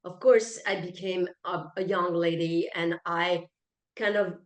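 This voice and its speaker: As an interview guest, this French-accented woman from France, a native French speaker who works as a coach, author and keynote speaker, responds with emphasis and self-assurance. Her voice is fairly low and fairly even, and she speaks a little slowly. The room sounds echoey.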